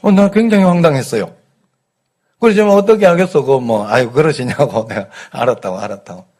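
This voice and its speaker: A middle-aged male pastor from South Korea's Gyeongsang region, with a light Gyeongsang dialect, preaches a conversational Sunday sermon. He tells folksy stories and asks the congregation rhetorical questions in a voice that's a little high and a little mellow.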